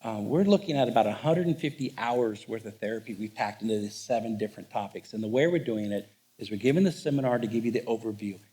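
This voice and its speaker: A middle-aged man, a marriage counselor, gives a live seminar talk on stage, telling stories in a joking, animated way. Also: on the low side, quick pace, hardly any pauses. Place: on stage before a live audience.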